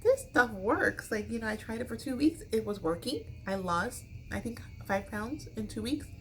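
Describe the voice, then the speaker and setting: This vlogger is a middle-aged American woman from Chicago whose voice is a little high and expressive, at a moderate pace. In a casual chat to camera she rambles informally and uses slang with her viewers. There is noticeable background noise in the recording.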